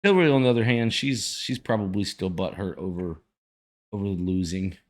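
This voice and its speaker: A man giving casual political commentary to viewers, folksy and mildly salty, often halting as he thinks aloud. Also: sits low. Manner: folksy, plain-spoken, mildly salty language. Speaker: host of a reaction video.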